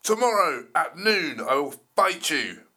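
A man voicing an angry, boastful male dinosaur in a children's story, roaring and shouting threats in a raised, higher voice. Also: sing-song, unhurried, exaggerated voice. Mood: furious roar.

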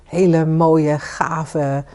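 With a deep voice, a level tone and an extremely slow delivery, a woman co-hosts a podcast in a warm, inviting way. She is a coach, and her casual talk includes questions aimed at listeners.

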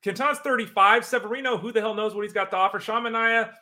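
A man co-hosting a casual sports talk show, quick and exasperated, rattling off names. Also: sits high, pushed and bright. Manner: quick, exasperated, rapid-fire lists. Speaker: podcast co-host.

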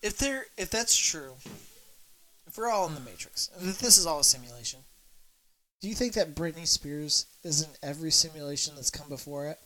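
A man's voice: on the high side, fairly quick, pushed and bright. A man co-hosting a podcast in casual chat, rambling in a nerdy way and swearing casually. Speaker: podcast co-host.

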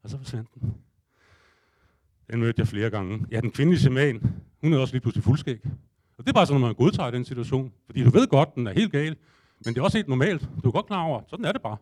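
A man's voice: medium pitch, expressive, a little mellow. A man telling a comic first-person story to a live audience, acting out his own panic and thoughts with casual swearing.

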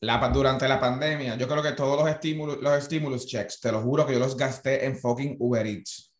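A young man with a Puerto Rican accent talks bluntly and swears freely in a casual podcast chat. His mid-pitched voice carries a roomy echo. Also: fairly even intonation, fairly quick. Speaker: podcast co-host.

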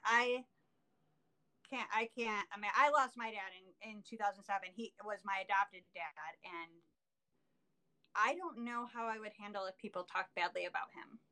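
A woman's voice: mid-range voice, normal speed, pushed and bright, low-quality recording. A woman hosting a podcast interview, conversational and sympathetic. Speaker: podcast host.

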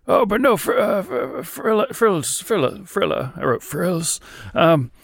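A man's voice: sits high, very animated, slow, gravelly. A man improvising casually as a player in a tabletop game, playful and stumbling over words. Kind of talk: casual improvised role-play.

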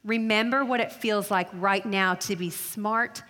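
A woman's voice: medium pitch, steady tone, pushed and bright. Earnest woman preaching in a reverberant hall. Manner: earnest, emphatic, slows down for key phrases. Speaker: speaker addressing college women. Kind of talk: sermon.

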